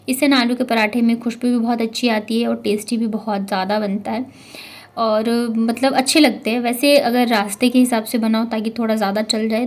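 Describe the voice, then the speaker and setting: A woman's voice: on the high side, a little mellow. A young woman narrating her day in a casual, chatty home vlog, telling the story with lots of fillers. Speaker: vlogger.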